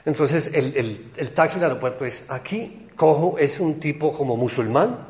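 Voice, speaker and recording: A young Colombian man telling a personal anecdote in a rambling, excitable way. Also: fairly high pitch. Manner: excited, rambling, quick storytelling with laughs.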